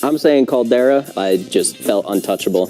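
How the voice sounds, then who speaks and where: A man's voice: mid-range voice, normal speed, warm tone, faint music behind. A man, a pro esports player, answering interview questions in a laid-back way, laughing easily and getting hyped.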